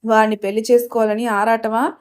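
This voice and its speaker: A woman's voice: a little high, little pitch movement, brisk, clear, resonant tone, close to an everyday voice. A woman voicing a teasing, kindly old grandmother in a storybook reading. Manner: teasing, gentle.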